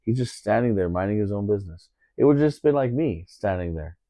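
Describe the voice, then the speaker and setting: A man's voice: lowish voice, lively intonation, brisk, mellow, no echo. A man telling a story in a casual podcast chat, indignant, repeating himself with lots of fillers.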